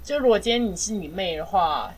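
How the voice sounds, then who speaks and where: A woman's voice: medium pitch, expressive, brisk, a little hiss or hum. A young woman co-hosting a podcast in casual chat, reacting to stories with questions, teasing and laughter. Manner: reactive listener, laughs and teases. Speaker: podcast co-host.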